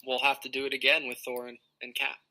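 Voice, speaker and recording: Very bright-voiced man in podcast chat. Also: mid-range voice, completely flat delivery, fast, low-quality recording. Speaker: podcast co-host guest.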